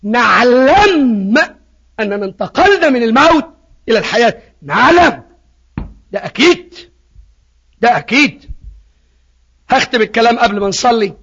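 A preacher with an Egyptian Arabic accent giving a passionate evangelistic sermon, alternating between loud appeals and hushed words. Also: male voice, very high voice, very animated, normal speed, long pauses, breathy edge. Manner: passionate, retells dialogues, swings from loud to hushed. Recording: muffled lo-fi recording.

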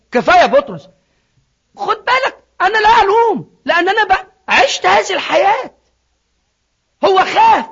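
A man preaching a sermon, swinging from hushed asides to shouted appeals. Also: extremely high pitch, creaky. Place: church in Sydney. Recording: dull lo-fi recording.

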